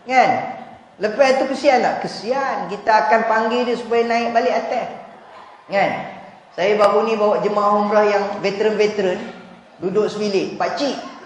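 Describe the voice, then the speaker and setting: A man with a Malaysian Malay accent giving a humorous religious lecture in a mosque, telling jokey stories and acting out characters. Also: high voice. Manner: jokey storytelling, acts out characters. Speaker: preacher. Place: large mosque hall. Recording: very echoey hall, faint ambient noise.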